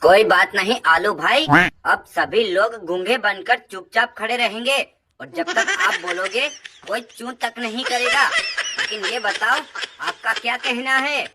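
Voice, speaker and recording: A woman's voice: fairly high pitch, animated, unhurried, slight background noise. A woman voicing a greedy, chatty female cauliflower in a comic cartoon. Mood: agreeable. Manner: chatty, scheming. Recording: loud music behind.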